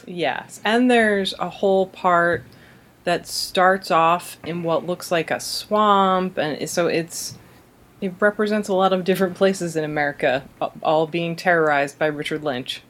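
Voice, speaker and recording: A woman's voice: fairly low pitch, steady tone, a little slow. A woman co-hosting a casual film podcast, talking enthusiastically and laughing as she describes movies. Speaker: podcast co-host. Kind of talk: casual chat about cult films.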